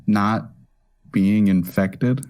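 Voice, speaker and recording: A young man co-hosting a podcast in casual chat, hesitant and quick to laugh, often restarting his sentences. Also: fairly low pitch. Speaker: podcast co-host.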